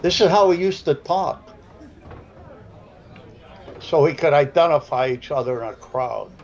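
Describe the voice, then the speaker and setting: This gruff, folksy pool commentator is a man in his 70s with a South Side Chicago accent who rambles and wanders off into stories between shots. He speaks at a measured pace with a fairly high, animated voice, captured on a dull, lo-fi recording.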